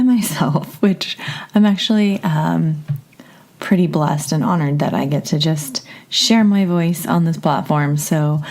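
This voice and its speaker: A woman hosting a solo podcast, talking in a relaxed, soothing, conversational way. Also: low voice. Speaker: podcast host and therapist. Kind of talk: casual solo podcast introduction.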